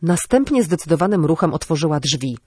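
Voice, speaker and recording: Female audiobook narrator, steady storytelling, dry studio sound. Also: low-pitched, brisk, husky, dry recording. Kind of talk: scripted narration.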